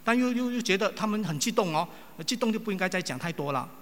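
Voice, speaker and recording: Animated preacher man in an echoey hall. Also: high-pitched, fast talker. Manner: animated, acts out quoted people. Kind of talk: sermon with personal stories. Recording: long reverb of a large hall.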